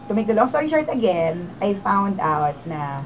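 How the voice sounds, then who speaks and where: Medium-pitched and unhurried, a Filipino-accented woman in her twenties tells her story as a radio DJ interview guest. She's animated and code-switches between Tagalog and English; the sound is dull, lo-fi, and clearly noisy.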